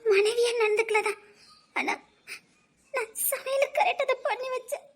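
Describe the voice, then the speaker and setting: A woman's voice: very high-pitched, fairly quick. A woman playing a devoted working wife who earnestly protests and tearfully pleads in a web drama. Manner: earnest, pleading protests, sobbing through laughter.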